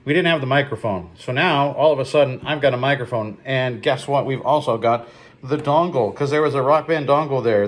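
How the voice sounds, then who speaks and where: Man chatting in an echoey room. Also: mid-range voice. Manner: chatty, thinking aloud about prices. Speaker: thrift reseller showing his finds. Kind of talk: casual haul video chat. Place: indoor room with a table, echoey.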